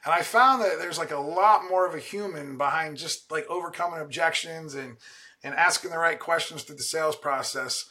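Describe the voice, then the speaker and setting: Excited podcast host guy, bright forceful voice, chatty with lots of likes and ums. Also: on the high side, normal speed. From Ohio, USA. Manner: enthusiastic, chatty, many fillers. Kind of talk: casual interview chat.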